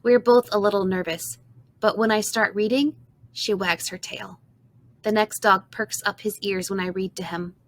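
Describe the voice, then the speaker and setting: Woman, storybook narration, gentle, expressive, first person. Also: medium pitch, normal speed. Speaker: audiobook narrator.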